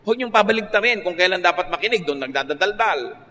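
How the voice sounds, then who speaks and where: Preaching in a large hall where his words carry a long reverb, a Filipino pastor talks fast in a somewhat high voice that's expressive, pushed and bright. His sermon is conversational, switching between Tagalog and English with easy, playful asides, and a faint hum lies beneath it.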